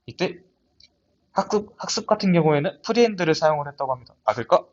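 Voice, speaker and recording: A man's voice: fairly high pitch, lively intonation, fast. Young man presenting a paper, lo-fi. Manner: hesitant, many restarts and fillers. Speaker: student presenter. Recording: dull lo-fi audio.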